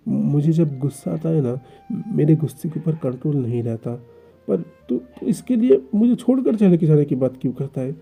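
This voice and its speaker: A possessive, jealous young lover, as a man puts him on, stammering and repeating his words as he pleads. The voice is mellow and dark, with a husky edge and a slightly raised pitch. It is told as a spoken fan-fiction story. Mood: pleading.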